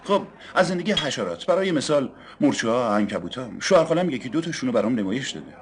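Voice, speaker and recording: A man's voice: medium pitch, big pitch swings, natural voice. An actor dubbing a young man who chats and tells odd stories about a neighbor. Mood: chatty. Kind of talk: dubbed film dialogue.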